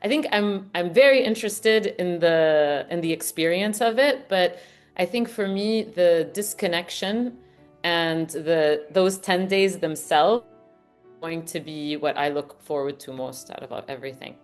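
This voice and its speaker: A woman's voice: fairly low pitch, a little slow, soft background music. A woman in her forties from Lebanon, raised partly in the US, speaking earnestly as an interview guest, often restarting her phrases. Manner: earnest, reflective, with frequent restarts. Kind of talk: casual interview chat.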